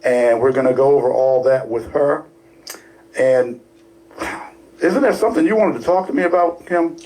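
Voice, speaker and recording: A man's voice: mid-range voice, moderate pace, dark tone, rough recording. Radio co-host, man, Baltimore accent, rambling and filler-heavy, casual studio talk. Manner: rambling, lots of fillers and restarts.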